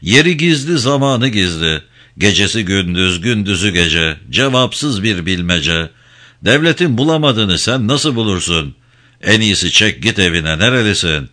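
A man voicing a gruff, cynical river ferryman in his forties who talks bluntly in a storybook reading. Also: on the low side, sing-song, measured pace, pushed and bright, heavily acted. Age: 40s.

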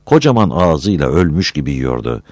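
A man reading a story aloud as its narrator in a lively, expressive manner. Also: rumbling low, fairly quick, no room sound.

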